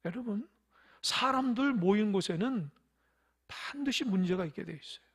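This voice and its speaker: Gravelly, husky pastor preaching a sermon. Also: medium pitch, lively intonation, moderate pace. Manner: swings between loud emphatic stresses and soft near-whispers; tells parables, asks the congregation questions. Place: church.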